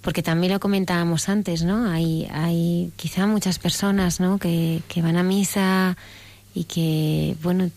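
A woman radio host asking an interview guest questions in a measured way, with frequent tag questions. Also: on the low side, fairly even intonation, a little mellow.

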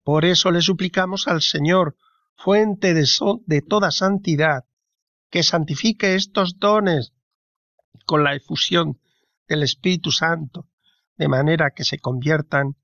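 A man co-hosting a radio program, reading a scripted spiritual reflection slowly and reverently. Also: a little high, vocal fry, a bit bright, no room sound, lo-fi sound. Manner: slow, reverent, deliberate reading. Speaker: radio co-host.

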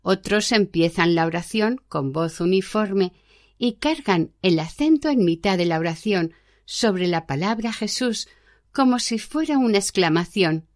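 A woman reading aloud the words of a learned old monk teaching about prayer, in a measured, unhurried way. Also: mid-range voice, a little mellow, lightly acted. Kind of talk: read-aloud spiritual book.

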